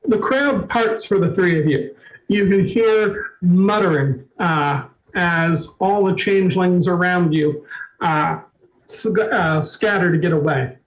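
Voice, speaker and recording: A man narrating a tabletop game as storyteller, halting, with many fillers and restarts. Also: high-pitched, muffled recording.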